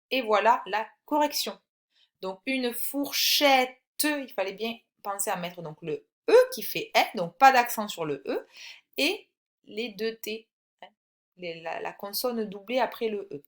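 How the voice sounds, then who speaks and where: A woman teaching a recorded phonics lesson to young children, patient and encouraging, pronouncing each word slowly and clearly. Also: mid-range voice. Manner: slow, clearly articulated word-by-word dictation. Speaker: primary school teacher.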